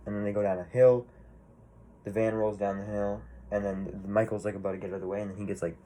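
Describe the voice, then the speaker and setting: A man's voice: on the low side, flat delivery, quick pace, warm tone. A man giving a casual movie review, rambling and swearing freely, full of fillers and restarts.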